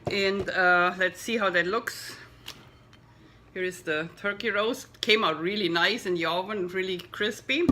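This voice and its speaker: Bright-voiced woman tasting food as she talks. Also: medium pitch, measured pace, a little hiss or hum. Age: middle-aged. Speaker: vegan cooking vlogger. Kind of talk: casual food taste-test vlog. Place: home kitchen.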